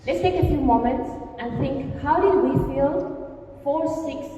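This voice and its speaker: A woman's voice: sits high, measured pace, noisy background. Argentine woman speaking in an echoey hall. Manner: lively, engaging, asks the audience questions. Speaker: workshop speaker. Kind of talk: live stage talk. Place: large hall with a live audience. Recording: echoey hall, mic from a distance, dull sound, faint ambience.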